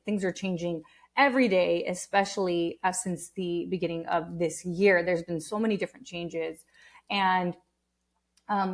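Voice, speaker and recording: Podcast-Moderatorin mit schwungvoller, betonter Sprechweise. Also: female voice, fairly low pitch. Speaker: podcast host and coach. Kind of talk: scripted podcast introduction.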